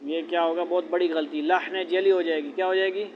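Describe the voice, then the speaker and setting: Male Quran teacher with a high voice, drilling letter sounds with rhetorical questions, on a muffled recording. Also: steady tone. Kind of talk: classroom lesson on letter pronunciation. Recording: dull lo-fi with faint noise.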